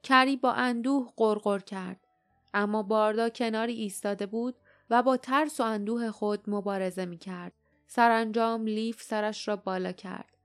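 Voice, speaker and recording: A woman narrating an audiobook in a measured, scripted reading. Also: a little high.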